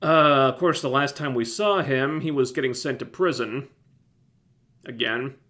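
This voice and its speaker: On his livestream, a TV-show reviewer answers viewers in a laid-back, wandering chat, cutting himself off and restarting sentences often. His throat sounds a bit scratchy and phlegmy, his pitch is middling for a man, and he talks a little slowly.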